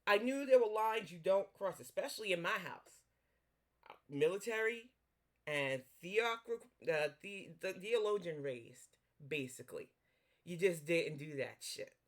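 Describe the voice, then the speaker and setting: A woman with a New York accent delivers heated reaction commentary, blunt and swearing freely. Her pitch swings up and down a lot as she scolds. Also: animated, unhurried. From Northeast US. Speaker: commentary YouTuber.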